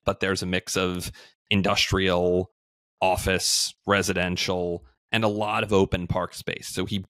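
A man in his thirties, a guest on a remote video call, explaining things in a measured way with frequent fillers. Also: deep voice, fairly bright tone, dry recording. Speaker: podcast guest, housing entrepreneur. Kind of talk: conversational interview.

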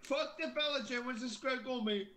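A man's voice: very high-pitched, normal speed, sharp tone, a little hiss or hum. A Scottish man chatting casually while gaming, swearing a lot and rambling repetitively in a drunken way. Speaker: gamer playing Minecraft with a friend.

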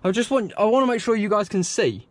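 A young British man vlogs about cars, chatting casually and ramblingly to viewers while he drives. His voice is high-pitched and fast with lively intonation, recorded inside the car on a head-mounted action camera.

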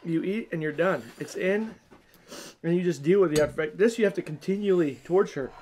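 A woman's voice: on the low side, a little fast, a little mellow, slight background noise. A woman hosting a casual home food-challenge vlog, chatting and laughing between bites. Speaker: vlog host.

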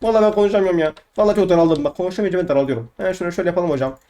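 A man's voice: high-pitched, rapid-fire, warm tone. A young man giving casual let's-play commentary, chatty and playfully swearing, often repeating words over and over. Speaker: gaming YouTuber.

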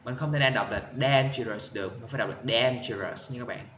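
A male English teacher with a Vietnamese accent, giving an exam-prep lesson. He reads words out carefully, repeats them for pronunciation and explains in quick bursts. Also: mid-range voice, fairly bright tone, echoey room, muffled recording, slight background noise. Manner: reads answer options slowly, then explains in quick bursts.

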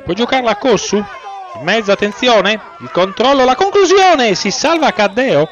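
A man commentates on football. His delivery is excitable and his pitch moves around in a lively way. The audio is dull and lo-fi. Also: measured pace, some chatter behind. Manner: excitable, swells on chances and goals. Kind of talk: live sports commentary of a youth football match. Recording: dull lo-fi audio, faint music.

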